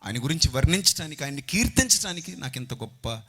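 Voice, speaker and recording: A man preaching a sermon into a handheld mic on stage, impassioned, swinging from loud outbursts to hushed pleading. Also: fairly high pitch, expressive, quick pace, slightly rough.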